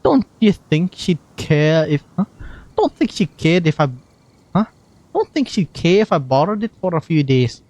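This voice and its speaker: A man's voice: on the high side, big pitch swings, moderate pace, darkish tone, no room sound. A man voicing a breezy young male bard from a game with a put-on Scottish accent, theatrical and sing-song. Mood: reassuring. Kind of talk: fan voicing of game dialogue.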